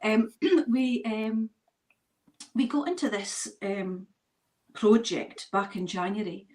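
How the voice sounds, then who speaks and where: A woman with a Highland Scottish accent chatting casually as an interview guest, in a jokey, self-deprecating way. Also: slow, a little mellow. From Scottish Highlands and east coast of Scotland. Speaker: guest, event organiser.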